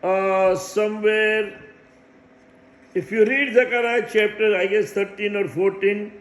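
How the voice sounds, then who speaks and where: A man in his sixties preaching a rambling religious monologue in a high voice. He talks slowly and insistently, repeating phrases over and over for emphasis. The sound is echoey, as if he were in a bare room. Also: steady tone. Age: 60s. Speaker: self-proclaimed messiah preaching.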